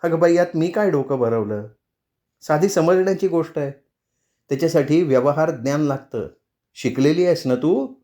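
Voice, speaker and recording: A man's voice: a little high, normal speed, lightly acted. Man doing a weary, placating older mother. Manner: soft, placating. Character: patient older mother who dreads quarrels.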